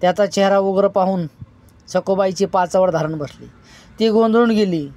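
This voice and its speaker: Woman reading a story aloud, steady. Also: medium pitch, normal speed. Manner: steady, with small slips and restarts. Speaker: narrator.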